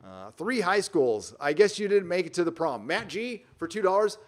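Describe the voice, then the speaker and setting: A man's voice: high-pitched, sing-song, normal speed. A man from Southern California hosting a casual livestream from a rented home on the road, reading out viewer donations and talking in an emphatic, rambling way with frequent restarts. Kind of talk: casual live-stream commentary.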